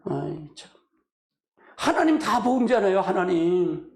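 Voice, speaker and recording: A man's voice: sits high, animated, unhurried. A man preaching a sermon as pastor, talking in a colloquial, emotional way with sighing exclamations, in a church sanctuary. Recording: echoey church hall.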